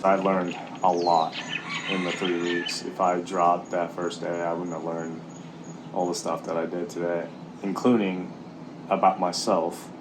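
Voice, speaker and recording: Low, slow-talking man on a walk. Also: little pitch movement, noisy background. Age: middle-aged. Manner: talking while out walking. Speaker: vlogger, military serviceman and former Marine. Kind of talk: casual walk-and-talk vlog.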